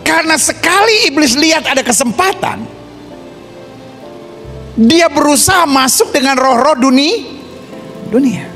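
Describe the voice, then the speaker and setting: Animated high-voiced male pastor preaching. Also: a little slow, long pauses, soft background music. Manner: animated, acts out scenes with put-on voices, asks the congregation questions. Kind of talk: lively sermon.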